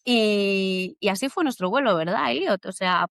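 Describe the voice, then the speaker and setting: A woman from hosting a podcast interview, chatty and animated as she tells stories. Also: medium pitch, moderate pace, creaky, no echo, clean studio sound. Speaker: podcast host. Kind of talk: casual interview.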